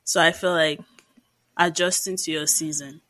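A woman's voice: low voice, steady tone, moderate pace, a bit bright. A woman co-hosting a podcast in casual chat, bantering and laughing often. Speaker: podcast co-host.

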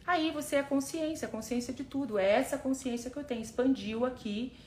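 A woman's voice: high-pitched, brisk, a little mellow, slight background noise. A woman with a Brazilian Portuguese accent giving a motivational live stream as a personal development coach, emphatic and repetitive, calling her listeners "my love".

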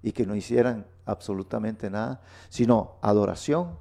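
A man's voice: fairly low pitch, normal speed, gravelly, warm tone. A man hosting a radio Bible teaching, emphatic and repeating words for stress. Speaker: radio program host. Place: radio studio.

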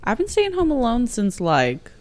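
A woman's voice: a little high, wildly swooping pitch, moderate pace, a little mellow. A middle-aged woman co-hosting a podcast, chatting bluntly and reading stories aloud, swearing casually and laughing often. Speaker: podcast co-host.

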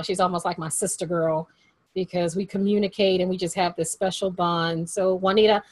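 An upbeat, chatty woman hosts a podcast interview in a fairly low voice. She leans on repeated phrases for emphasis, and the sound is close and dry. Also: no room sound. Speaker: podcast host.

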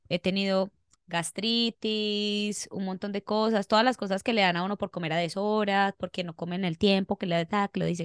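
A young woman with a Colombian Spanish accent co-hosts a podcast, chatting casually, rambling, and laughing as she tells stories. Her medium-pitched voice has a clean tone with no room sound, in studio quality.

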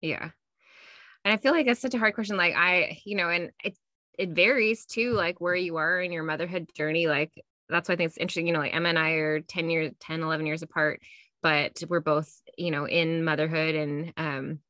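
A woman's voice: deep voice, steady tone, a little fast, bright, forceful tone, no room sound. A woman co-hosting a podcast in casual, chatty, self-deprecating talk, recorded in a closet on her own podcasting mic. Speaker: podcast co-host. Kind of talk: casual chat. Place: small closet at home.

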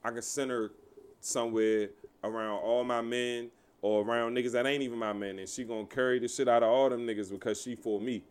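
A man's voice: mid-range voice, fairly even intonation, brisk, clear, resonant tone. A man in his thirties talking candidly and profanely in a casual podcast chat, leaning on emphatic filler phrases. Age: 30s. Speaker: podcast co-host and DJ.

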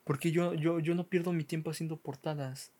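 A man's voice: a little high, fairly even intonation, fairly quick, warm tone. A young man with a Mexican accent telling comic childhood stories on his podcast, swearing freely and often stumbling over repeated words. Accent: Mexican Spanish. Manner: profane, self-mocking, stumbling repeats. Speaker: podcast host. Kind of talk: casual comic storytelling.

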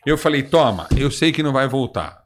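A middle-aged podcast host from Brazil, telling teasing stories in a casual chat. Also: male voice, medium pitch, fairly quick, a little hiss or hum. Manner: lively storyteller, teasing.

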